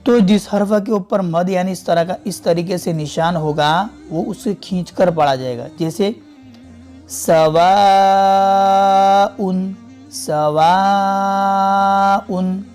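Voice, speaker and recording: A man teaching a Quran reading lesson step by step, slowly repeating and drawing out each example word. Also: high-pitched, darkish tone, soft background music. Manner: slow, patient, repeats and stretches out example words.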